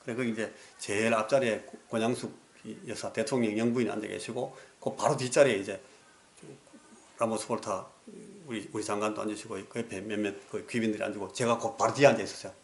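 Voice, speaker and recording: A male pastor delivering a sermon earnestly, dropping to soft pleading and rising in stories. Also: lowish voice, fairly even intonation, fast talker, reverberant. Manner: earnest preaching that drops to soft pleading, then rises in anecdotes. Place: church sanctuary.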